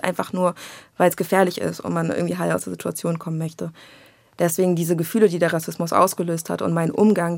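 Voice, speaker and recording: A young woman from Berlin with a Berlin German accent, a children's book writer and screenwriter, is the guest on a casual conversational interview. She speaks candidly and reflectively, uses slang, and quotes others in lively voices. Her voice is lowish with vocal fry, and the recording is dry.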